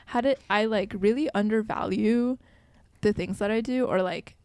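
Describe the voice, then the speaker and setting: Casting: young adult woman, podcast co-host, chatty with constant "like" fillers, plays out the quotes, mid pitch, dry sound. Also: normal speed, a little mellow, dry recording. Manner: chatty, full of "like" fillers, acts out quoted speech. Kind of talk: casual chat.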